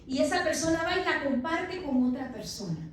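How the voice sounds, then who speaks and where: A woman's voice: high-pitched, lively intonation, moderate pace. A woman pastor in her thirties preaching a sermon with emphatic delivery, addressing the congregation as brother. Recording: echoey church from far off, faint noise.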